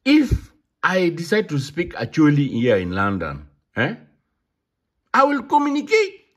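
A Ugandan-accented man in London talks in a casual monologue, hammering his points with emphasis and frequent repetition. He has a high voice with a breathy edge.

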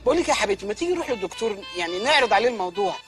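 An actor playing a joking, jobless husband in a film comedy, with an Egyptian Arabic accent and a playful, mock-apologetic way of talking. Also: male voice, sits high, very animated, rapid-fire, music in the background.

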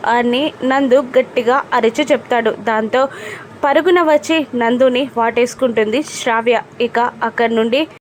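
A woman retelling a TV serial episode in a steady storytelling manner, with occasional filler sounds. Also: a little high, moderate pace, a little hiss or hum. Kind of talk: narrated TV serial recap.

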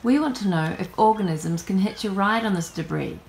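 A woman giving calm, informative documentary narration. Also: mid-range voice, fairly quick, vocal fry, a little hiss or hum.

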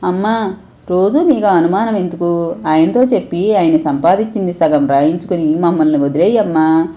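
A woman's voice: on the low side, moderate pace, dark tone, natural voice. A woman voicing a meek, frightened young wife who pleads timidly and tearfully. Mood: pleading.

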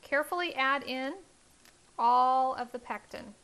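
Bright-voiced woman hosting a cooking demo. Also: high voice, unhurried. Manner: friendly instructional, step by step. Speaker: cooking show host. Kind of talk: cooking demonstration. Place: home kitchen, indoors. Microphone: lapel mic.

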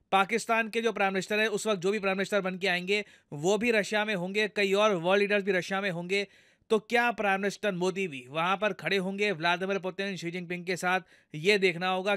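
This news commentator and video host has an Indian accent and a high, pushed, bright voice that's clear and resonant. Speaking conversationally to his viewers, he breaks down the news step by step. The recording is dry and clean, with studio sound.

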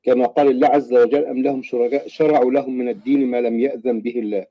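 A man with an Egyptian accent calling in to a live debate, talking in a halting, explanatory way over a muffled home mic. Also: medium pitch, fairly even intonation, no echo. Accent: Egyptian Arabic. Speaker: caller.

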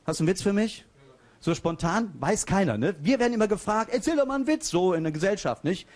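Brief: man, stand-up comedian, high voice, lively and chatty on stage. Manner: chatty, lively, quick asides. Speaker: comedian and impressionist.

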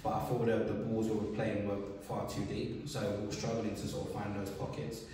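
A man, a football manager giving a relaxed post-match interview full of fillers. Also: fairly low pitch, fairly quick. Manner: relaxed, many fillers and "sort of". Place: bare indoor room by a wall, seated. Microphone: camera a few feet away. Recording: echoey room from far off.

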